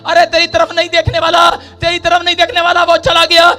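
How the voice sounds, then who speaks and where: A preacher doing stern men hushing a beggar. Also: male voice, very high voice, monotone, a little fast, faint music behind. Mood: mocking. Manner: curt, scolding.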